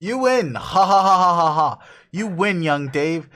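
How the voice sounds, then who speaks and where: A man's voice: sits high, animated, normal speed, fairly bright tone. A man voicing Dave, a swearing ironic teen. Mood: laughing. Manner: profane, rambling, laughs a lot. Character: cool ironic teen boy, swearing, self-mocking. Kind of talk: dramatic webcomic reading.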